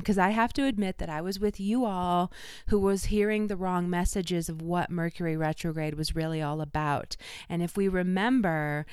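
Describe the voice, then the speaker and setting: An enthusiastic woman with a fairly low, smooth voice and a slight cold gives a casual astrology talk. She is chatty and informal, and the sound is dry and close, with very little room. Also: no room sound. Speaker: astrologer giving a forecast.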